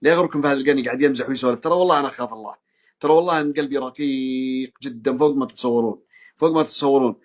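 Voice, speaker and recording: Fast-talking husky Saudi man preaching. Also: mid-range voice. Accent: Saudi Gulf Arabic. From Saudi Arabia. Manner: earnest, pleading, repeats phrases for emphasis. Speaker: preacher speaking to an audience. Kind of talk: heartfelt religious talk.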